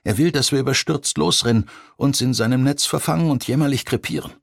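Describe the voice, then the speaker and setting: A tough woman agent speaks in a firm, controlled voice, lifted somewhat above a speaker's natural range, as a low male narrator plays her. The reading is dry and close-miked, with a little grit underneath. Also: brisk, creaky, slightly rough, dry recording. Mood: grim.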